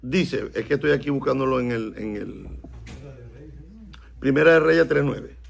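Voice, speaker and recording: A man, a rabbi, teaching a Bible class, explaining words slowly and asking his students questions. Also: mid-range voice, vocal fry. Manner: stresses and repeats key words slowly.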